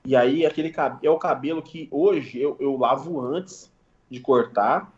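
Speaking a little slowly in a medium-pitched voice, a man who is a guest barber shares casual stories on a podcast, full of slang and sound-effect words. The recording is muffled, in an echoey room.

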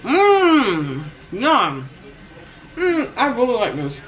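A man's voice: extremely high pitch, wildly swooping pitch, drawn-out words, fairly bright tone, lo-fi sound. A young man hosting a casual eating vlog, giggly as he tastes the food and chewing while he talks, indoors at home. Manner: giggly, tasting and reacting to food. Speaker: mukbang host. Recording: noisy room ambience.

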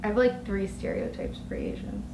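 A woman's voice: mid-range voice, huge pitch swings, normal speed, background noise. Giggly young woman in an echoey room. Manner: giggly, chatty, lots of "like". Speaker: co-host of a couple's channel. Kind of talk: casual chat.

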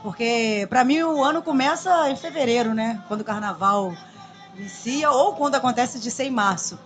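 Lively Rio woman in her forties, light music behind. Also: fairly high pitch, moderate pace. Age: 40s. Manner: lively, expressive, chatty. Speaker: samba school drum queen guest. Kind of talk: casual radio interview. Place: small radio studio. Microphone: studio boom mic.

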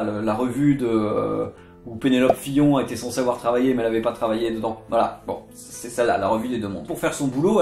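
With a mid-range, darkish voice, a literature video host chats his way through a history lesson like a casual storytelling lecture, full of jokey asides and digressions. The room echoes, and faint guitar music can be heard.

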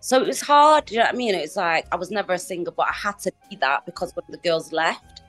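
A woman's voice: fairly low pitch, sing-song, quick pace, a bit bright, faint music behind. A woman musician from England, a guest on a video-call interview, talking in a chatty way with frequent laughs and repeated phrases, calling in on a phone from her living room. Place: living room with a Christmas tree.

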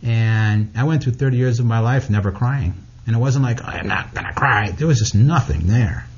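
A man's voice: medium pitch, moderate pace, warm tone, breathy edge, dull audio. A man being interviewed as an author, speaking frankly and bluntly, cursing freely. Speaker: guest author. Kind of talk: candid interview talk.

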